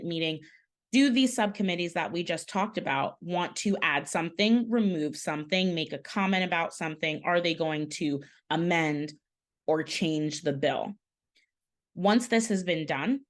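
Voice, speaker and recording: Woman explaining the budget process, slightly low voice. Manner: conversational, with fillers and self-corrections. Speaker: advocacy trainer. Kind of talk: online training presentation.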